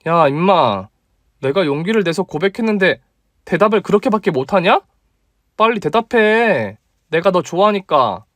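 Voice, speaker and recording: Brash young woman doc, as a man voices her, radio drama, higher than his own voice, dry. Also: expressive, normal speed, fairly bright tone, no room sound. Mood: bold teasing. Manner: teasing, pushy. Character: bold young woman doctor, blunt and tough.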